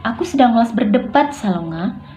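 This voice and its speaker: A woman's voice: a little high, animated, brisk, dark tone, faint music behind, pitched above the performer's own voice, close to an everyday voice. A woman reading aloud as a young man who is lost and argumentative, her voice raised and pleading. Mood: arguing. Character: confused, defiant young man.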